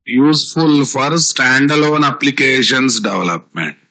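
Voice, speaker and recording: A man's voice: mid-range voice, a little slow, pushed and bright. A man with a South Indian Telugu accent teaching a live online programming class, repeating key phrases and asking rhetorical questions. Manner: repetitive teaching with rhetorical questions and tag words. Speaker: software instructor.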